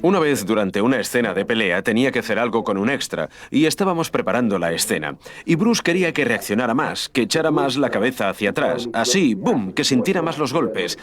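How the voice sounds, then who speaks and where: A man being interviewed, telling an anecdote in an animated way and acting out the sounds of punches. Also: mid-range voice, a little fast, faint music behind. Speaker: interviewee recounting a film set. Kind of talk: personal anecdote. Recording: crowd noise in the background.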